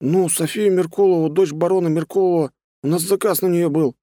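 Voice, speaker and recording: A man's voice: sits high, fairly even intonation, brisk, warm tone, dry recording, clean studio sound, voice pushed up, natural voice. A man voicing a frightened male thug, a former violinist, who whines and stammers as he pleads. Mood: cowed. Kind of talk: audiobook character voice.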